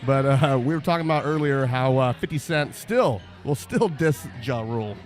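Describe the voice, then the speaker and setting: Casual male host with a medium-pitched voice. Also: animated, moderate pace. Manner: slangy, affirming, says bro and dude often. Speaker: live show host. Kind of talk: casual live interview.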